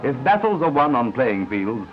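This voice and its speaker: A man's voice: mid-range voice, big pitch swings, moderate pace. A man narrating an old 1950s newsreel in a confident announcer style, with asides to the viewer. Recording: dull lo-fi 1950s newsreel soundtrack. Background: newsreel music.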